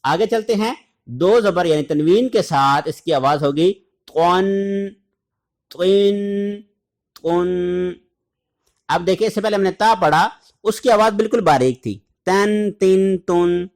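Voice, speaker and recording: A man from Pakistan teaching a tajweed lesson, repeating syllables slowly and deliberately and chanting short recitation examples. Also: high voice, animated. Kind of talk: tajweed lesson, drilling letter sounds.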